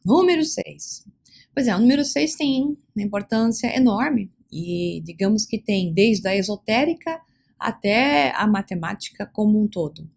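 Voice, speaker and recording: A woman giving a long, rambling explanation in answer to questions, often repeating herself and slowing down to stress terms. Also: mid-range voice, lively intonation, vocal fry, darkish tone. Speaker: esoteric speaker answering questions. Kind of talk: explanatory talk.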